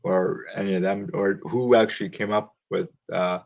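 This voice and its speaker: A man with a lowish, gravelly voice hosts the interview and thinks out loud, pausing and restarting as he looks for words. His audio sounds dull and lo-fi. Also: fairly even intonation. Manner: thoughtful, hesitant, searching for words. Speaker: host. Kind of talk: casual interview.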